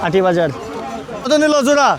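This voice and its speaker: A man's voice: very high-pitched, very animated, a little fast. A Bangladeshi man vlogging from a busy outdoor cattle market, calling out questions to passers-by and repeating prices back in exclamatory commentary. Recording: loud outdoor crowd and traffic.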